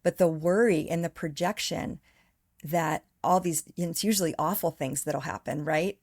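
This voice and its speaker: A woman's voice: deep voice, moderate pace, a little mellow, no echo, clean studio sound. A woman speaking as a podcast guest, talking earnestly at length in casual conversation. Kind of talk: casual interview chat.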